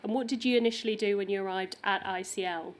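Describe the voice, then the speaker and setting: A woman's voice: mid-range voice, steady tone, quick pace. A woman with a Northern Irish accent, questioning a witness at a formal hearing in a polite, methodical way. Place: inquiry hearing room.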